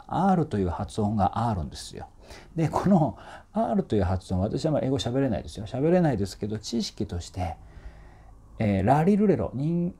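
A man's voice: lowish voice, mellow, husky. A man working as a voice trainer, explaining singing technique in a chatty, informal way and demonstrating vowel sounds.

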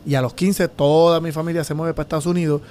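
A man in his thirties from the Dominican Republic, telling his story as a podcast guest in a small studio with his own mic, lively with sound effects. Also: a little high, a little hiss or hum. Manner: animated, fast storytelling with sound effects and gestures. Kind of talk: casual storytelling interview. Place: small studio with dark curtains. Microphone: studio mic on boom arm, headphones.

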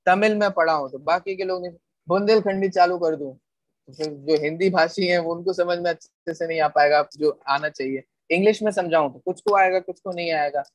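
Male religious teacher, patient explainer who repeats key points and checks that listeners follow, slightly higher voice. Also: no room sound. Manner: rhetorical questions to listeners, checks they follow. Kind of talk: explanatory scripture lecture.

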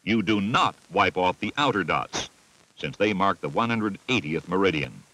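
Reading a training-film script at a moderate pace, a deep-voiced American man gives methodical, instructive narration whose lively rise and fall sets off each step. The voice-over recording is dry and the audio poor.

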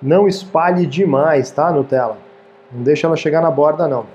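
In a muffled recording, a cooking show host in his thirties talks briskly in a fairly high, dark-toned voice. He's demonstrating a dish in a small indoor home-style studio kitchen, friendly and chatty, and repeatedly asks viewers "tá, gente?".

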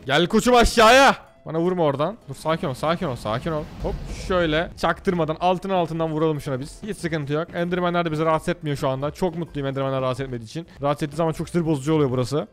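Excitable fast-talking man gaming commentary. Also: a little high, soft background music. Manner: excitable, talks to himself and the game. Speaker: gaming YouTuber. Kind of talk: live gameplay commentary.

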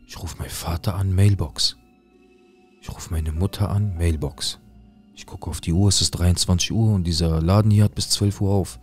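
A man narrating a dramatic first-person story, mostly low and hushed, with agitated quoted outbursts. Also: steady tone, moderate pace, soft background music. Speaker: storyteller recounting a viewer's story.

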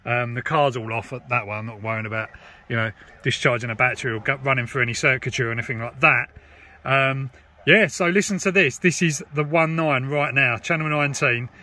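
Inside a parked car, a vlogger who's into CB radio chats casually on air while demonstrating it, his mid-range voice brisk, bright, and forceful. The recording is clear but has background noise and radio hiss, with CB static and chatter behind him.

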